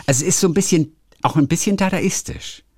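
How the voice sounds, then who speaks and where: A man's voice: a little high, quick pace, a little mellow, no echo, studio quality. A man on a casual podcast, reading bits of a book aloud and laughing often. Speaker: podcast co-host.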